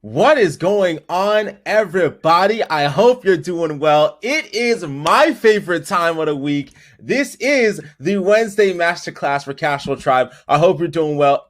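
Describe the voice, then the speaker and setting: A high-voiced man hosts an online webinar with lots of energy and hype. He calls out viewers by name and sounds like he is talking into a video call setup. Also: expressive, unhurried, hardly any pauses. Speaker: webinar host. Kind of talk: upbeat livestream hosting.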